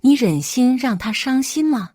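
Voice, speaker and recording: A woman's voice: high-pitched, animated, moderate pace, mellow, no room sound, clean studio sound, pitched above the performer's own voice. A woman voicing an arrogant middle-aged father who belittles his daughter's groom with contempt. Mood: pleading. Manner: contemptuous, bullying.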